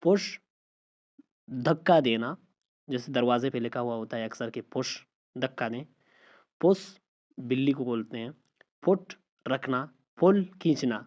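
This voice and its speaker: A man teaching English pronunciation, saying example words slowly and repeating each one. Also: mid-range voice, a little mellow. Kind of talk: spoken language lesson. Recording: slightly dull lo-fi audio.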